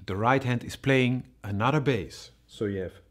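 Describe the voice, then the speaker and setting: A man teaching a cajon rhythm, explaining slowly and patiently with many fillers and spoken drum sounds. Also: mid-range voice. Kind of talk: music tutorial.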